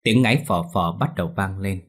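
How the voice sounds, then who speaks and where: A man's voice: sits low, a little fast. A man narrating a ghost story in a dramatic reading voice. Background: faint music.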